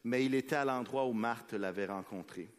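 Man, Québécois accent, sermon, scripture reading, mid-pitched voice, long hall reverb. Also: moderate pace. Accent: Québécois French. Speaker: preacher. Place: church hall before a congregation.

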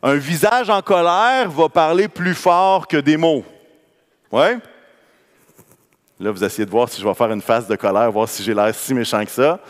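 A man's voice: mid-range voice, measured pace, long reverb tail. A man preaching a sermon with a Quebec French accent, talking conversationally and checking in with the congregation. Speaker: pastor. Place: church.

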